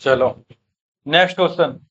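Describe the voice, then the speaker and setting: A man teaching an exam-prep maths lesson, brisk and coaxing, who keeps checking that his students follow. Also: a little high, fairly bright tone, muffled recording.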